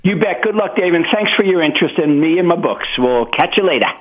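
A man's voice: a little high, expressive, quick pace. Man on a tinny phone line. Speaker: radio interview guest, author. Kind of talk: casual phone interview. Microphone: telephone.

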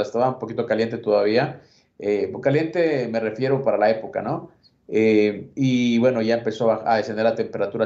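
A man's voice: mid-range voice, a little mellow, roomy sound, highs cut off. A man telling a work story on a casual sports podcast, full of fillers and restarts.

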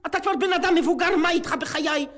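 A man's voice: extremely high pitch, steady tone, fairly bright tone. An actor playing a stubborn, evasive man in an old comic sketch, who stammers and repeats himself. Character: stubborn, evasive man refusing to look out a window. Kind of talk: 1960s comic radio sketch.

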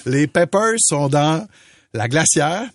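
A man's voice: fairly high pitch, slow, vocal fry, very noisy. A man with a Quebec French accent hosting a radio show, telling a story in casual chat and laughing as he goes. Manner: animated, laughs while telling stories.

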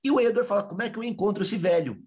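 A man's voice: sits high, rapid-fire. A man, a researcher, telling a historical story in an interview, animatedly acting out the dialogue of its characters.

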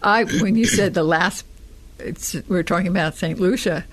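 Agreeable woman co-host. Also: fairly low pitch. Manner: chimes in with quick agreement, laughs easily. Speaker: radio show co-host. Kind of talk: casual radio travel chat.

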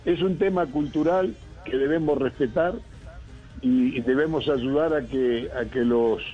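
A man's voice: mid-range voice, unhurried, faint music behind. A man talks as a football coach in a radio interview. He muses at length, circling back with fillers and restarts, his voice sitting in a middle register. The line sounds dull and lo-fi. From Uruguay. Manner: reflective, rambling with many fillers and restarts.

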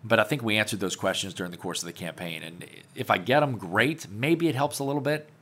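A man's voice: on the low side, fast talker, sharp tone. A man, a parish councilman answering interview questions in a confident, plainspoken way. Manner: confident, plainspoken, laughs easily.

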